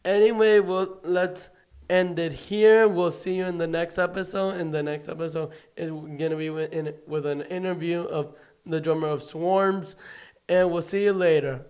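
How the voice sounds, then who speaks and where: A young man co-hosting a casual podcast, talking in a halting, earnest way with lots of restarts. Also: on the high side, fairly even intonation, darkish tone. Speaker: podcast co-host. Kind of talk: casual wrestling chat.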